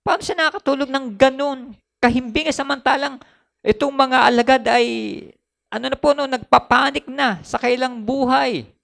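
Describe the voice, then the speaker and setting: A Filipino man preaching from the pulpit in a very high voice with a heavy gravelly fry. He slips between Tagalog and English and doubles back on his phrases to drive each point home. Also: steady tone, moderate pace, fairly bright tone. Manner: mixes Tagalog with English, repeats phrases for emphasis. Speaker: pastor. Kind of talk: sermon.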